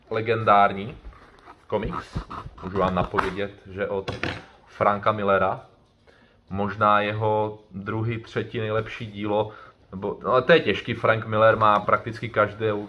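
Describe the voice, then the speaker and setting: A man's voice: on the low side, background noise. A man chatting casually as he unboxes items for his vlog, rambling and correcting himself as he goes. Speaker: YouTuber doing an unboxing.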